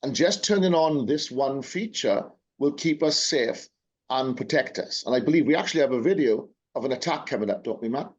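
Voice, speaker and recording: A man's voice: mid-range voice, expressive, a little fast. A man co-presenting a webinar, explaining technical points in a wry, joking way. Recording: slightly dull, muffled mic.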